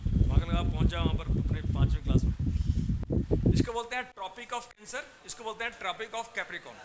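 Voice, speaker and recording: A man's voice: high voice, expressive, moderate pace. A man teaching a geography class, quizzing his students, repeating drills and calling them "beta". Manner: calls students "beta" and "bachche". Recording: loud background noise and clicks.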